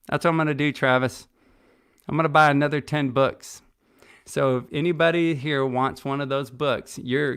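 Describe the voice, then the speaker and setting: A man's voice: mid-range voice, a bit bright, clean tone. A middle-aged man hosting a podcast, talking casually and with enthusiasm about an upcoming conference and its sponsors, with many fillers and restarts. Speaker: podcast host and conference organizer. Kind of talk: casual promotional podcast talk.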